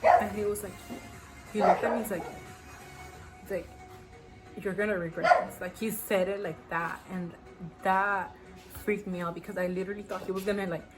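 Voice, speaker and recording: A woman's voice: mid-range voice, fairly even intonation, moderate pace, rough recording. A young woman telling a personal story on her channel in a casual, slangy way, with many fillers. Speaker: YouTuber. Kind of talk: storytime vlog. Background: background music.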